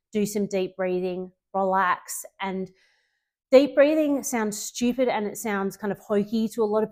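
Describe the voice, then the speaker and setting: In a chatty, loose tutorial for her clients, a female fitness coach talks casually with a mid-range voice, dropping plenty of ums and correcting herself often.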